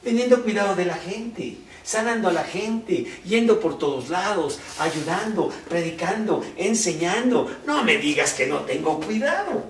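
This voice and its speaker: A man preaching a conversational, animated sermon, full of rhetorical questions. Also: high voice, measured pace, few pauses, a little hiss or hum. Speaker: pastor. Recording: roomy, distant mic.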